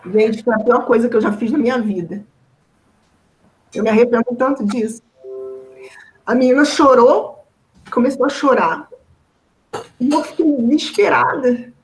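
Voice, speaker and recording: A teacher with a Brazilian Portuguese accent recounts a painful memory from her classroom. Her voice sits a little high for a woman, and she talks in a loose conversational way full of tag questions. She is moved, at moments near tears. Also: normal speed, low-quality recording. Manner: emotional, close to tears at times. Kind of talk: personal story in a discussion.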